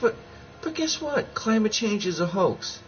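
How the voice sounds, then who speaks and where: A man's voice: high-pitched, a little slow, lo-fi sound, faint music behind. A man hosting a livestream, chatting casually and telling stories with plenty of swearing. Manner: profane, animated storyteller. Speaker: livestream host. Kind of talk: casual chat.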